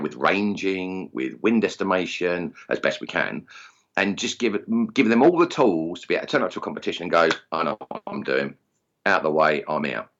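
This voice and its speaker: A man's voice: deep voice, lo-fi sound. A man with an Essex accent chatting casually as an interview guest, self-deprecating and jokey. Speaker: interview guest, target shooting instructor. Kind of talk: casual chat.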